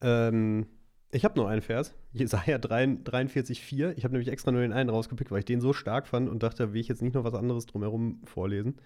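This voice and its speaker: A man's voice: mid-range voice, a little fast. Young male co-host, casual faith chat, reflective and easygoing. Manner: relaxed, reflective, laughs easily. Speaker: podcast co-host.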